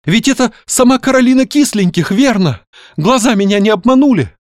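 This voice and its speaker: A man doing a shrill hysterical young dandy. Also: lively intonation, a little fast, dry recording, clean studio sound. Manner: shrill, loud, exclaiming.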